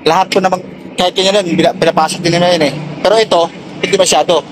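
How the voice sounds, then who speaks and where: A Filipino man with a high, fairly flat voice talks at a racing clip, casually showing products to a customer and his viewers and often addressing the customer respectfully. He sells motorcycle accessories and vlogs, recorded in a noisy spot full of vehicle sounds.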